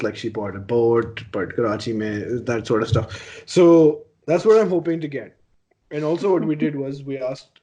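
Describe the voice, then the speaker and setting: A Pakistani man hosts a podcast in a loose, joking, conversational way. He speaks mostly English and slips in Hindi-Urdu phrases, with an ordinary mid-pitched voice. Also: a little mellow. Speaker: podcast host. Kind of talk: casual joking podcast chat.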